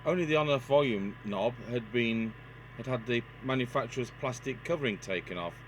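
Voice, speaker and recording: In a noisy workshop with a constant electrical hum, a man from the United Kingdom demonstrates a repair off the cuff, narrating his reasoning matter-of-factly. He's a radio repair technician and presenter, speaking at medium pitch and a little fast.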